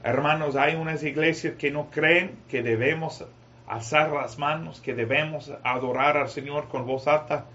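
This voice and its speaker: A man preaching a sermon to a congregation, rising to shouted climaxes. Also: a little high, fairly even intonation, measured pace, highs cut off, slight background noise. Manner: rises to shouting climaxes, addresses congregation as brothers.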